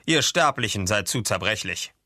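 A man's voice: lowish voice, animated, normal speed, bright, forceful tone, no echo, clean studio sound, heavily acted. A man reading aloud and voicing a stern, humourless male second officer.

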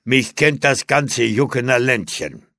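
A man voicing a brash, greedy robber who talks loudly and boastfully. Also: medium pitch, expressive, unhurried, no echo, studio quality. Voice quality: loud, boastful.

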